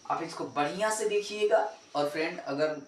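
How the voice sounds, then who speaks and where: A man's voice: on the high side, normal speed, a little hiss or hum. A man teaching a pronunciation lesson, asking and answering his own questions and repeating each sound. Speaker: English teacher. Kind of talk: classroom-style pronunciation lesson. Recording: roomy echo, mic far off.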